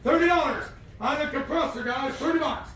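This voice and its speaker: Echoing heavily from some distance, a man calls an auction in a very high voice. He rattles off bids in a repetitive auctioneer's chant, folksy and urging. Noise sits clearly in the recording. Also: fairly quick, a bit bright. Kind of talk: rapid repetitive auctioneer bid-calling chant. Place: live auction sale, off the mic. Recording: distant, echoey, clearly noisy live auction.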